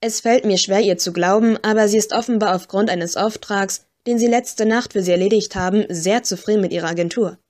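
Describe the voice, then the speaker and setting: Female reader voicing a gruff, weary middle-aged police inspector in an audiobook; stiff, mid pitch. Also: brisk, few pauses, darkish tone, close to an everyday voice. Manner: grumpy, stiff, sighing. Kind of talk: audiobook reading.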